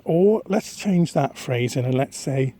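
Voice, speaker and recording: Husky man musing on a walk. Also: mid-range voice, expressive, dark tone. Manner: thoughtful, rambling, pausing often. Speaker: vlogger. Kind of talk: casual walking vlog monologue. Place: outdoors on a misty countryside walk. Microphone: phone held at arm's length.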